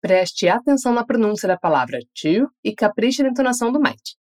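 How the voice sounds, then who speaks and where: Leading an English lesson, this Brazilian Portuguese-accented woman slowly models phrases for students to echo, then offers praise after every drill. She sounds slightly high, expressive, with a darkish tone.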